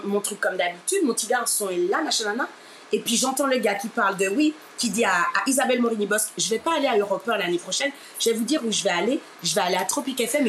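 Lively storytelling woman from Martinique. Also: medium pitch. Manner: expressive, acts out quoted people, keeps saying "ma chère". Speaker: interview guest, radio presenter. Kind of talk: animated personal storytelling. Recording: steady background noise.

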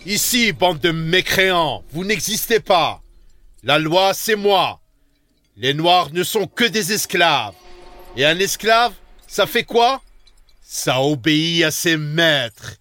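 A man's voice: on the high side, animated, slow, pushed and bright, no room sound, pitched above the performer's own voice, exaggerated voice. A man voicing a cruel, sadistic male prison guard who speaks with menace and contempt. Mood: menacing.

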